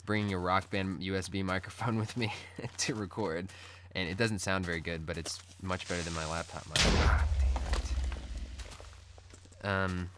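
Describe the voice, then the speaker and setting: Low-pitched man, morning voice, noisy recording. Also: level tone, fairly quick, few pauses. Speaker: gaming video host. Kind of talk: casual Let's Play update chat. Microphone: recorded through screen-capture software. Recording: poor audio with background noise.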